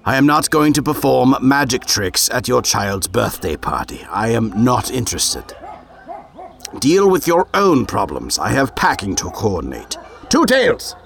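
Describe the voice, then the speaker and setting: Man voicing a dark elf wizard, sarcastic, sneering, gravelly, swooping pitch, haughty. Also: huge pitch swings, a little slow, exaggerated voice.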